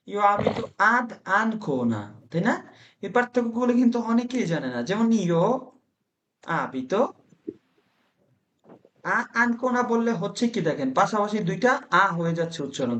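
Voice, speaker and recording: Brief: male Italian tutor, slow patient drills with repeats. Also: high-pitched, slight background noise. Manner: explains slowly, drills phrases with repeats. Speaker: Italian language teacher. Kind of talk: online group language lesson.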